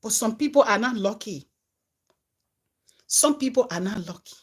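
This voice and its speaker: Her voice is a little high with a breathy edge, and she talks at a normal speed. A Liberian comedian and content creator, she tells her followers a story casually and animatedly, swinging from loud to quiet.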